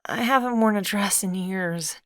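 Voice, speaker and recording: A woman voices a shy, self-conscious young adult who is a boy inside, giving soft, sheepish, hesitant and timid replies. Her mid-range voice, close to an everyday one, moves at a moderate pace on a dry, studio-quality recording.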